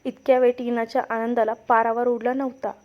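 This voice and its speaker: A woman reads her own romance story aloud with dramatic expression. Her voice sits slightly high. The recording is dull and lo-fi. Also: level tone, a little fast. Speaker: story reader and writer.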